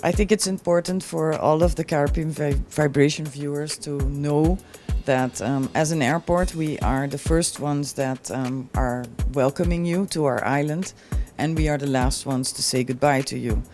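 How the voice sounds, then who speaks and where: A woman explains things in a measured, hesitant way as an airport executive being interviewed. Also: low-pitched, steady tone, a little mellow. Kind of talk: on-camera promotional interview. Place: airport VIP lounge. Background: music.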